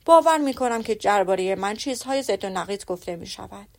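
A woman reading the lines of a proud, reserved young gentleman in a formal, restrained way. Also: mid-range voice, lively intonation, close to an everyday voice.

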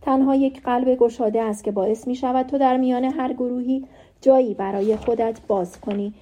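A woman voicing a gentle, wise, dying elderly male professor in an audiobook reading, giving calm, earnest advice. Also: on the high side, highs cut off, close to an everyday voice.

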